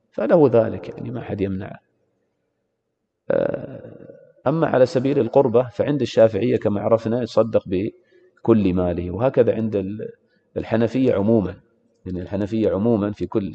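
A low-pitched man with a gravelly, mellow voice lectures students on religious law. He keeps prompting them with rhetorical questions. The sound is muffled and lo-fi, with a long hall reverb. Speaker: teacher of Islamic law. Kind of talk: classroom lecture on jurisprudence.

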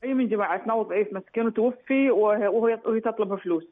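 A middle-aged woman calls in over a tinny phone line. She talks very fast in a high voice, explaining her situation at length with many restarts and hesitations. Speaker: caller.

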